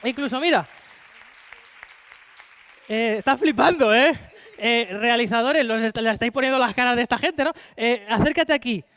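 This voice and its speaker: A man's voice: very high voice, normal speed, pauses often, a bit bright, some chatter behind. A man with a Spanish accent performing a live card-magic show, playfully coaxing volunteers from the audience. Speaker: stage magician. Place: conference hall with live audience.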